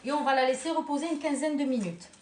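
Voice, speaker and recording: This home cooking tutorial is hosted by a woman with a Tunisian accent who talks quickly in a high voice. She chats warmly with her audience, calling them girls and children as though they were her own family. Faint noise and an echoey kitchen come through on the recording.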